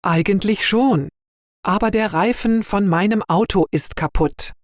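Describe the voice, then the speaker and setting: A woman's voice: mid-range voice, unhurried, dry recording, clean studio sound, close to an everyday voice. A woman voicing an annoyed young male baker in a read-aloud story for learners, grumbling and exasperated. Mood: worried.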